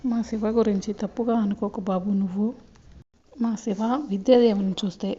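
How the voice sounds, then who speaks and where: A woman voicing a gentle, indulgent old grandmother who speaks in a soft, consoling way. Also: medium pitch, steady tone, moderate pace, slightly rough, highs cut off, lightly acted.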